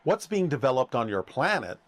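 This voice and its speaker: Brief: man, mid-pitch, formal and unhurried, dry close-miked sound. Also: big pitch swings, no echo. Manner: measured, formal, speaks as "we" and stretches key phrases slowly. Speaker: channeled speaker answering questions. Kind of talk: question-and-answer session.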